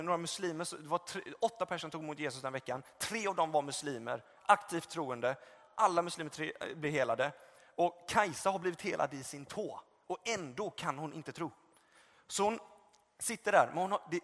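A man preaching a sermon, passionate, moving between loud exclamations and soft, conversational storytelling. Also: on the high side. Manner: passionate, swings from loud calls to soft reflection; conversational with fillers and retold dialogue. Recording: long reverb of a hall.

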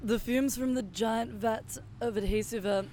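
A woman's voice: fairly high pitch, steady tone, a little slow, mellow, a little hiss or hum, close to an everyday voice. Woman playing anxious live radio reporter. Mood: uneasy, woozy. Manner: faltering, worried news reporting. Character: anxious female field reporter in growing distress. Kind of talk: parody live news report.

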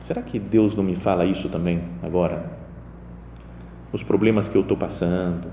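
A man's voice: deep voice, steady tone, normal speed, dark tone, a little hiss or hum. A man with a Brazilian Portuguese accent giving a chatty homily in a chapel, often asking his listeners "né?". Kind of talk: conversational homily. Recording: echoey, reverberant chapel with faint ambience.

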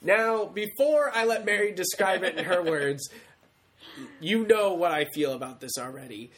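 A woman's voice: fairly low pitch, lively intonation, moderate pace. Woman podcast co-host; blunt, opinionated reviewer, salty language, frequent ums. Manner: opinionated, swears freely, lots of ums. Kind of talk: casual comic book review chat.

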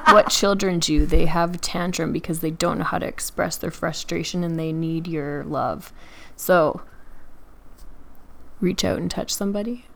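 A woman co-hosting a podcast, hoarse and husky from being sick, giving dry joking advice in casual chat. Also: fairly low pitch, moderate pace, fairly bright tone. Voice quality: husky smoker-like voice. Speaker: podcast co-host.

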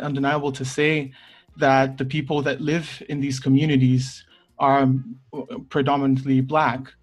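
Flat-voiced young male podcast host. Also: mid-range voice. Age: young adult. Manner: measured, asks questions. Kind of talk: casual discussion.

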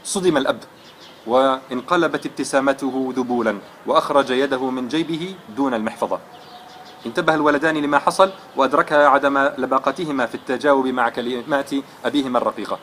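A man's voice: mid-range voice, fast talker, fairly bright tone, slight background noise. A man giving a religious lesson, telling a moral story in an earnest, dramatic way. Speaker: religious lecturer.

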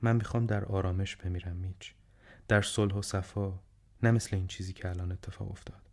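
A man voicing a frail, gentle old man, low and soft. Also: steady tone, gravelly. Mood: weary calm. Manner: soft, slow, subdued speech. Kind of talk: audiobook reading.

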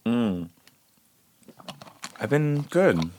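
A man's voice: mid-range voice, big pitch swings, very slow, darkish tone, a little hiss or hum. A man co-hosting a podcast in casual chat, playful and jokey, sometimes humming silly tunes. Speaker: podcast co-host, musician.

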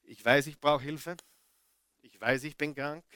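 A man's voice: on the high side, steady tone, measured pace, bright, forceful tone, clear, resonant tone, no room sound. A man voicing a humbled sinner who agrees that he is sick, in a plain voice close to his own. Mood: humble.

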